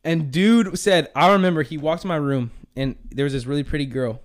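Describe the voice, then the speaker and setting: A man's voice: fairly high pitch, fairly quick. A young man hosting a casual faith chat, rambling and saying "dude" a lot. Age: young adult. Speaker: podcast host.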